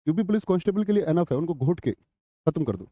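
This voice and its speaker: A man's voice: a little high, animated, quick pace, dry recording, muffled recording. A man teaching a live online exam-prep class, chatty, quizzing students and reading their chat comments aloud. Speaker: Hindi teacher.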